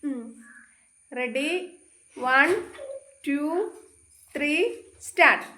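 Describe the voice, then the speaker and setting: Woman vlog host, high bright voice, giggly and playful, recorded in an echoey room at home. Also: fairly even intonation, extremely slow, a little hiss or hum. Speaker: vlogger host. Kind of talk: casual family challenge vlog.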